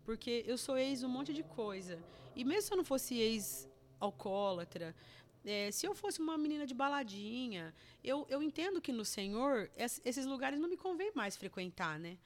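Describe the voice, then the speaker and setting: A woman's voice: fairly high pitch, sing-song, moderate pace, a little hiss or hum. A woman with a Brazilian Portuguese accent, a guest telling a personal testimony in earnest, emotional chat with many restarts.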